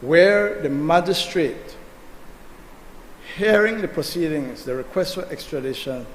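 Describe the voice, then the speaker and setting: A man speaking as a senator gives a forceful, combative speech in a parliamentary debate, directing it to the chair. His voice is a little high and unhurried, and the legislative chamber sounds echoey, with long reverb and faint noise.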